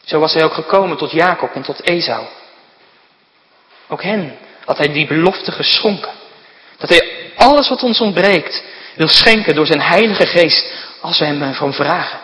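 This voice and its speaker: A man's voice: on the high side, expressive, moderate pace, pauses often, pushed and bright. A man preaching a sermon to his congregation, earnest and urging, with repeated direct calls to his listeners. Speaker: pastor. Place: church. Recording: church hall reverb.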